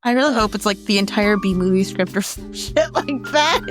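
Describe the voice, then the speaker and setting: A woman's voice: mid-range voice, lively intonation, brisk, soft background music. A woman chatting casually and playfully as a player in a tabletop game. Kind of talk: casual, jokey chat.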